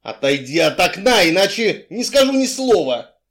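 A male reader playing a sly, gruff crime boss who mocks and blusters when pressed. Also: high voice, sing-song, moderate pace, darkish tone, voice pushed up. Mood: mocking, blustering. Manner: mocking, blustering, evasive.

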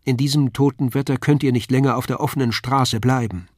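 An earnest, eager young journeyman, as the male reader plays him, pressing his help with quiet urgency. His voice sits at a middle pitch, close to the reader's own. Recorded dry and close. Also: fairly even intonation, brisk, no echo, natural voice. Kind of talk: audiobook character voice.

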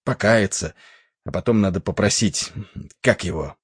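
A man putting on a rough, defiant stoker. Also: low-pitched, moderate pace, no room sound, studio quality. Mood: gruff. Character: big coarse angry male ship's stoker.

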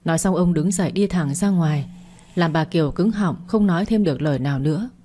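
A woman narrating an audio story in a steady, dramatic storytelling manner. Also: on the low side, a little fast. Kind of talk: scripted narration.

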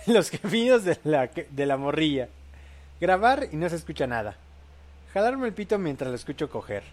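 A man's voice: fairly high pitch, sing-song, moderate pace, darkish tone, faint music behind. Crude joking young man host. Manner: crude, joking, laughs often, reads posts aloud. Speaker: podcast host reading audience posts. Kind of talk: casual late-night live show chat.

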